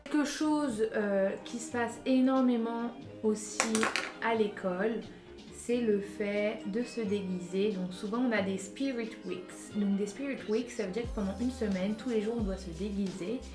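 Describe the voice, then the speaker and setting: A woman's voice: medium pitch, a little slow. A young woman from France chatting casually in a vlog, giving emphatic advice straight to her viewers. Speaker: vlogger. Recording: roomy echo with faint music.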